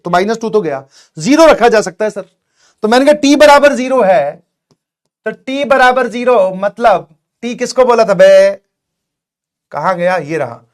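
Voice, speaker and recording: A man teaching math in a lecture, playful, acting out both sides of a dialogue with his students. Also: high voice.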